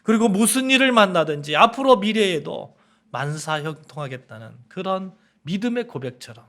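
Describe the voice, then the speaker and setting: Animated Korean pastor preaching. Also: male voice, high voice, normal speed. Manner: preaching with rising, emphatic outbursts and questions to the congregation. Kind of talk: sermon.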